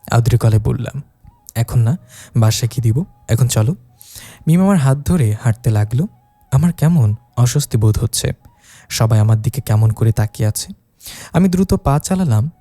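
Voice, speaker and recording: A man reading a romantic story in the first person, voicing every character and raising his pitch for the young wife. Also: mellow, no echo. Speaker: narrator. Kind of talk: scripted story narration with voiced dialogue.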